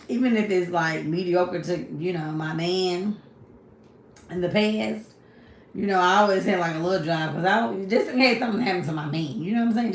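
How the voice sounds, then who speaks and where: Gravelly-voiced woman chatting on a livestream. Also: medium pitch. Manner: talks straight to viewers, reads comments and answers them; repeats "you know what I'm saying" often. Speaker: livestream host. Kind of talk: casual livestream chat. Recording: echoey room, faint background hiss.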